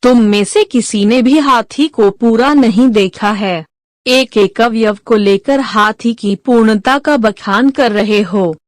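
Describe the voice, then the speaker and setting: Slow, measured woman narrating. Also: fairly high pitch, no room sound. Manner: slow, even, measured delivery. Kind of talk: scripted narration of a religious teaching.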